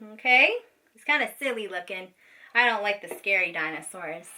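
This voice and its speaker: This is a woman of medium pitch whose voice is expressive, pushed and bright, moving at a moderate pace. As a special education teacher, she leads children through a craft step by step, informally and patiently, with frequent check-ins. The mic sits at a distance.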